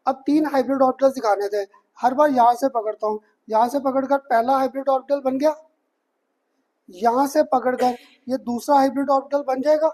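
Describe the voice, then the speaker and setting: A man teaching a chemistry class in a loose, conversational way, slipping in English technical terms and asking if everything is clear. His voice sits high, with a mellow, soft-edged tone. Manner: chatty, keeps asking students if it is clear. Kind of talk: classroom lecture.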